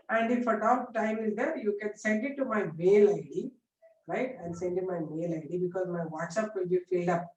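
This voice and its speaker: A woman's voice: medium pitch, darkish tone. A woman with an Indian accent teaching informally like a classroom lecturer, repeating points and often checking that students follow. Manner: repetitive explaining with frequent check-in questions. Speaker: biology teacher. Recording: echoey room, distant mic.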